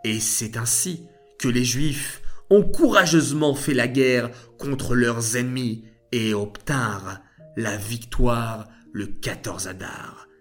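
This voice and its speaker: A man narrating a story for children in a slow, expressive way. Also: mid-range voice, soft background music.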